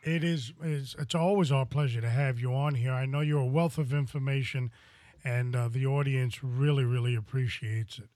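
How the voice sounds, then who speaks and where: A man's voice: mid-range voice, fairly even intonation, normal speed, a little mellow, no room sound. An American man hosting a podcast in a casual, folksy, wordy way. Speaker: podcast host.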